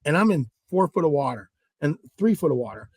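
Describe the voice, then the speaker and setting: High-voiced man telling a fishing story. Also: fairly quick, slightly rough, dry recording, studio quality. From Southern California. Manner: animated storytelling, many restarts and asides. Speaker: guest angler.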